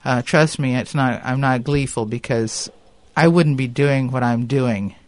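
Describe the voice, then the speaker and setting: A man's voice: mid-range voice, measured pace, dry recording. A man hosting a podcast, explaining things earnestly, with slightly impeded speech as if something is in his mouth. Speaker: podcast host. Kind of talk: podcast talk with read-out quotes.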